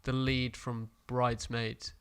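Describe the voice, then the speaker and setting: A man's voice: medium pitch, little pitch movement, slow, clean tone. A man co-hosting a film podcast, chatting casually and rambling with lots of fillers. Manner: rambling, hesitant, full of fillers. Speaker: podcast co-host. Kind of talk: casual chat.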